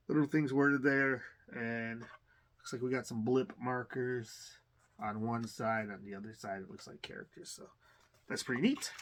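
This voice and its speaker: An adult man with a medium-pitched, slightly bright voice hosts a casual unboxing channel video, with a little hiss or hum in the audio. He rambles and thinks aloud, halting with lots of fillers and restarts, and gets enthusiastic about each item he pulls out.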